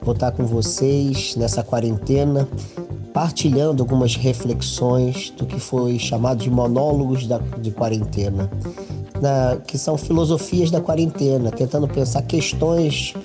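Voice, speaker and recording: A man's voice: medium pitch, fairly even intonation, a little slow. A philosophy professor introducing his series with a friendly, personal address to his listeners. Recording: voice over background music.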